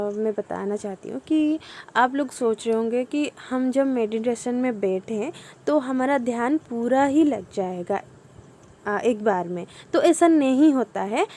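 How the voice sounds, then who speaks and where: Young woman with a slightly high voice, explaining meditation patiently in a casual tutorial. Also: mellow. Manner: patient, repeats points with frequent fillers. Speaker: meditation instructor.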